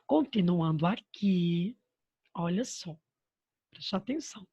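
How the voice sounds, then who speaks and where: A woman's voice: on the low side, animated, slow pace, warm tone, breathy edge, dry recording, muffled recording. A woman teaching a primary school grammar lesson over slides with a Brazilian Portuguese accent, patient and affectionate, answering her own rhetorical questions. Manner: patient, addresses pupils with diminutives and "my love".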